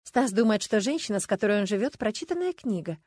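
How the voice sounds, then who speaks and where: A woman narrating an audiobook in an even, plain storytelling manner. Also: mid-range voice, fast, dry recording. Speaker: audiobook reader. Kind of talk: scripted narration.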